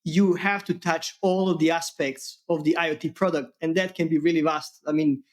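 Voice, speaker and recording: Male engineer guest, lightly raised pitch, halting and casual. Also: fairly even intonation. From Serbia. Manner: halting, many fillers, laughs easily. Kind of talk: casual tech interview.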